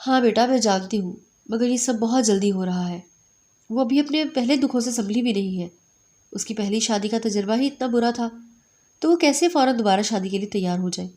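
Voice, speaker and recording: A woman's voice: fairly high pitch, mellow, close to an everyday voice. A woman voicing a caring middle-aged mother who is soothing but stern. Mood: gentle.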